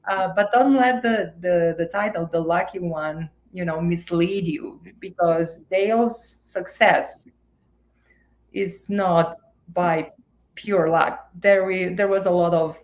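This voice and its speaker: A woman from Romania, hosting an online book event on a video call in a halting way with many fillers. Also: lowish voice. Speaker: host.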